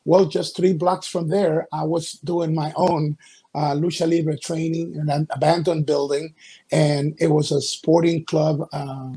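His voice is a little high and warm with a breathy edge, his delivery flat. This middle-aged man from Ecuador, a wrestling promoter and pastor, halts through his interview answers with many fillers.

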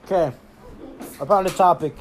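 A man's voice: high voice, normal speed, crowd noise. A young man hosting a casual podcast, swearing freely and rambling while hanging out at a backyard barbecue with friends. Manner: profane, rambling. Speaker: podcast host. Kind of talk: casual chat. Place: backyard barbecue, partly outdoors.

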